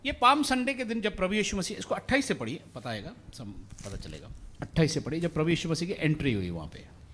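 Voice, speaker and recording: A male pastor from India delivers an animated sermon, questioning his congregation as he goes. His voice sits high for a man. It rises and falls widely as he talks. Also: fast, a little hiss or hum. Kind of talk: Hindi sermon with English phrases.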